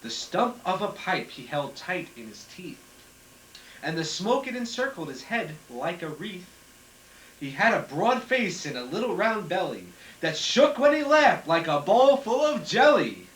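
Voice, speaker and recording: A high, lively man's voice reads a holiday poem aloud, picked up far from the camcorder mic on an old home VHS tape. The room is echoey and a faint tape hiss sits under everything. His pitch swings up and down as he tells the story.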